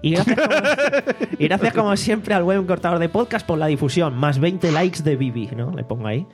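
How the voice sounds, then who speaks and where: A man's voice: high-pitched, lively intonation, normal speed, faint music behind. A man, hosting a casual podcast, reading out listener comments in a mocking, swearing tone. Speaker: podcast host. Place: home studio.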